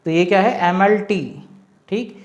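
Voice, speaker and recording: A man teaching an English grammar lesson in a classroom style, spelling out letters slowly and asking the class rhetorical questions. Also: high voice, highs cut off. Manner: explains step by step, asks the class rhetorical questions.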